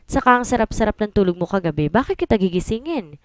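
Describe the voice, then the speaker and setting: Lady voicing a whiny playful young guy, pleading, mid-pitch, dry audiobook. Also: sing-song, quick pace, dry recording, close to an everyday voice. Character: playful young man, teasing friend.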